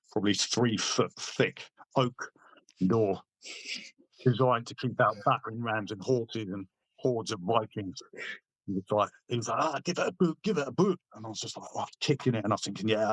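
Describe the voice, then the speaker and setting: Here a middle-aged man from Britain, an army veteran, chats as a podcast guest in a voice on the low side and a bit bright. He tells laddish anecdotes with relaxed swearing and plays out the quoted lines. There's no echo.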